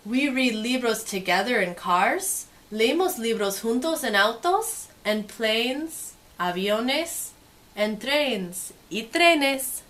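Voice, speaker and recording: Reading a picture book in two languages, a woman brings expression to the story and softens when she chats about it casually. Her pitch is on the high side and she takes things slowly.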